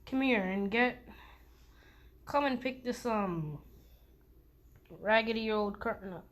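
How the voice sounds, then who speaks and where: Woman doing a nasty mean dad, cussing and sneering, slow. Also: fairly high pitch. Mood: scornful. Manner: scornful and cursing. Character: cruel, scornful abusive father.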